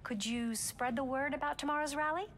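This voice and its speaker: High-voiced, curious game mom. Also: female voice, steady tone, fairly quick, a bit bright, a little hiss or hum. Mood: curious, friendly. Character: warm, curious mother at family dinner. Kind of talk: natural video game dialogue.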